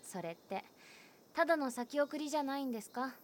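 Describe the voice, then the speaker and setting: An actress in a voice drama plays a cheerful teenage schoolgirl who speaks frankly and teases a little. Her high voice is expressive and brisk, with slight background noise.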